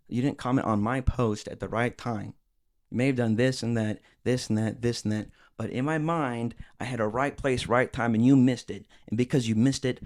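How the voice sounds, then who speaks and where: A young adult man hosting a solo commentary podcast, animated and sarcastic, slipping into mocking impressions. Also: lowish voice. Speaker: host.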